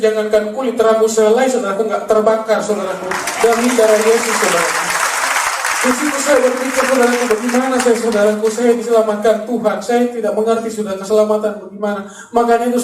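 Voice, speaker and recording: Preaching his testimony with fervor, a man from Makassar, Indonesia, who used to be a gangster, keeps addressing the audience as "saudaraku," or brother. His high voice is picked up from far away, giving a roomy sound.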